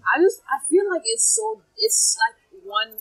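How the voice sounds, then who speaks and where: A young woman co-hosting a casual podcast chat, animated and full of fillers, her pitch leaping up on points she stresses. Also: measured pace, poor audio. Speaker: podcast co-host.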